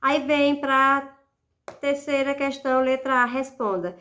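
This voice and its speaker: Woman teacher, slow patient lesson, fairly high voice, drawn-out syllables. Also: steady tone, sharp tone. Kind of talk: recorded classroom lesson.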